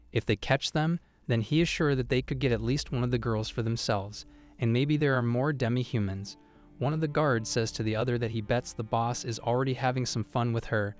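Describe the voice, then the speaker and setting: A man narrating a manga recap in a steady, reported-speech storytelling manner. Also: mid-range voice.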